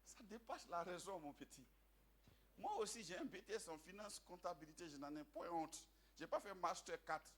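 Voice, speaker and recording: A man preaching a sermon, swinging between shouted emphasis and quiet storytelling and coming back to a repeated refrain. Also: sits high, lively intonation, moderate pace, echoey room.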